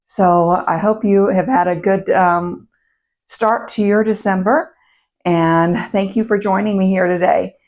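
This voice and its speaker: A woman chatting casually to her camera as a vlog host, her voice still a little rough in the morning, meandering with fillers and self-corrections. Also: medium pitch, fairly even intonation, unhurried, darkish tone. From United States. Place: home, indoors. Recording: dull, muffled sound.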